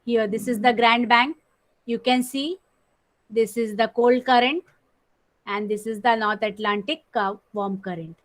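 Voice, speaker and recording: Heard through a screen recording of an online lesson, this Marathi-accented woman teaches at a slow pace, repeating important terms and clearing her throat often. Her voice sits on the high side, and her intonation stays fairly even.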